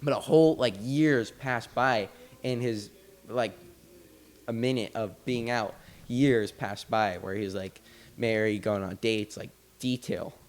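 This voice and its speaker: A man with a low voice tells a story on a podcast. He talks in a loose, casual way and restarts his sentences often. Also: slow pace. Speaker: podcast host.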